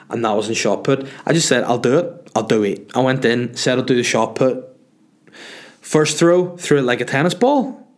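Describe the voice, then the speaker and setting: Sniffly, sweary man hosting a podcast. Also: medium pitch. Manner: sweary, blunt, rambling. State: sniffly with a head cold. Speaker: podcast host. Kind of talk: casual solo chat answering listener questions.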